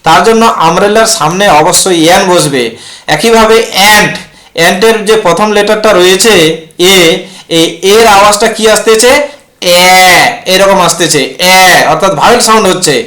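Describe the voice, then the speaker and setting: A man's voice: high voice, a bit bright. A man teaching an English grammar lesson who keeps asking questions and answering them himself. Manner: repetitive, asks and answers his own questions. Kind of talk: classroom lesson explaining rules.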